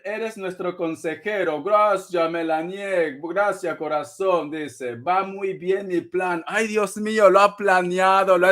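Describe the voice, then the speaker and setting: A man's voice: on the high side, a bit bright. A man doing a live tarot reading, theatrical and teasing, calling viewers darling and laughing often. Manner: laughs often between phrases. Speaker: tarot reader.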